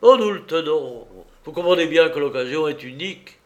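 A man voicing a furious, imperious nobleman, exclaiming loudly in an audiobook reading. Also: fairly high pitch, animated, moderate pace, voice pushed up, lightly acted. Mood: urgent. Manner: shouting, exclaiming in anger.

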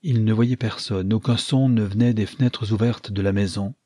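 A man narrating an audiobook in a calm, measured reading. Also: lowish voice, breathy edge, dry recording.

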